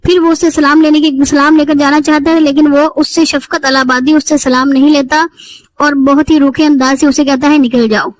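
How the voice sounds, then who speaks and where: A woman with a high voice retells a drama's plot in easy, everyday speech. She moves from scene to scene in a plain storytelling tone and now and then stumbles and restarts a word. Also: low-quality recording. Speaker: drama recap narrator. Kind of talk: casual spoken plot recap.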